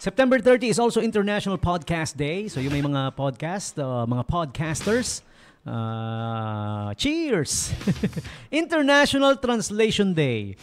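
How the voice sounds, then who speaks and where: A man's voice: on the high side, big pitch swings, slow pace, a little hiss or hum. A man with a Filipino accent, a radio DJ chatting casually on air, joking and laughing often. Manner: jokey, laughs often, mixes English into Tagalog. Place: radio studio.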